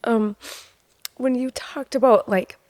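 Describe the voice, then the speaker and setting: A woman co-hosting a podcast. She is emotional and close to tears, and she speaks haltingly with many pauses and "um"s. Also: on the high side, steady tone, darkish tone, no room sound. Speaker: podcast co-host. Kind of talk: podcast interview.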